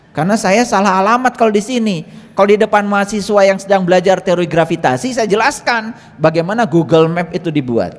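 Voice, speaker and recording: A middle-aged man giving a religious lecture as a Sufi teacher, animated, teasing his listeners, and swinging between loud and hushed delivery. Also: very high-pitched. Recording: long hall reverb.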